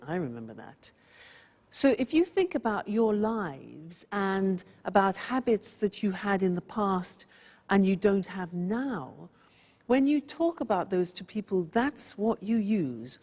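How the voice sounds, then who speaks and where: A woman teacher from England speaks slowly and carefully, laying out a grammar point step by step. Her voice has a husky edge, and a long hall reverb trails behind her words. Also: medium pitch, a little mellow. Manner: slow, clear, showing props. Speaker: English teacher. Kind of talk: scripted grammar lesson.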